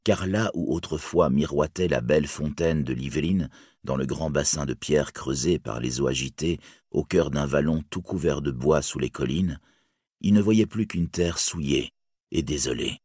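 A man reads an epic tale aloud in a solemn, deliberate audiobook style. His voice sits extremely low and has a husky grain. The recording is close and dry, with no room sound. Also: a little mellow, no echo. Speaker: narrator.

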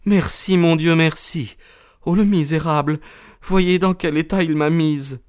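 Audiobook figure: shaken, bitter young woman, pitched high, as a male reader puts her on. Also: unhurried, a little mellow, clean tone, dry recording, studio quality, close to an everyday voice. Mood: distraught. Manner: breathless, high pleading delivery.

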